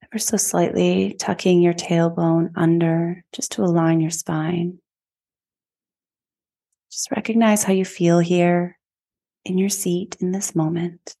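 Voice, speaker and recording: A woman podcast host and yoga teacher leading a guided meditation in a slow, soothing, calm way. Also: on the low side, vocal fry.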